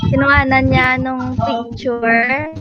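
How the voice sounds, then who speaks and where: A woman's voice: high-pitched, little pitch movement, takes it slowly, dull audio, loud music behind the voice. A Filipino woman answering a host's questions in short, hesitant replies. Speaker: guest. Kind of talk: casual chat.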